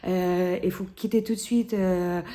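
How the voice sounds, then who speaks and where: This woman, who is in her thirties, answers an interviewer's questions with a Ukrainian accent, often stopping to restart or fill gaps. She has a fairly low pitch and a warm, steady tone.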